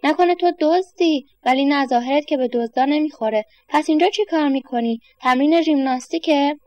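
A woman's voice: sits high, a little mellow, no room sound, dull audio, pitched above the performer's own voice, close to an everyday voice. A woman reading as a kindly man with a stick, questioning and encouraging, a raised voice, very dry sound. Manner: questioning, teasing, then encouraging.

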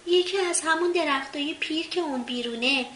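A woman voicing an excited, eager little boy who exclaims his lines, in a roomy recording with faint hiss. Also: high voice, pitched above the performer's own voice.

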